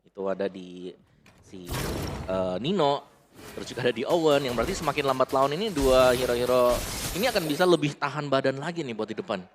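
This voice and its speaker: Fast-talking man, esports analyst. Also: mid-range voice, lively intonation, over music. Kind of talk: conversational match analysis.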